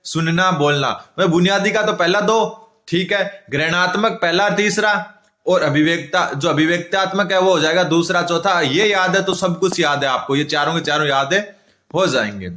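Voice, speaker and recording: A man's voice: high-pitched, moderate pace, sharp tone. A man with a Rajasthani Hindi accent teaching an exam-prep lecture, repeating and drilling the key answers. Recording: echoey room.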